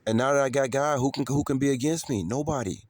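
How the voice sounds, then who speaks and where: Speaking fast in a mid-range voice, a man from Chicago, United States, delivers an unscripted monologue to his viewers as a vlogger. He's emphatic and repeats himself, using street slang and curses, and the recording has no echo.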